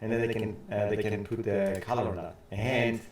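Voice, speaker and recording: A man's voice: fairly low pitch, flat delivery, fairly quick, darkish tone, a little hiss or hum. A man co-hosting a casual talk show. His voice sounds hollow and boxed in, as if he is talking through a tube, and he explains things in a chatty way with frequent restarts. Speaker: co-host. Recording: very echoey, distant mic.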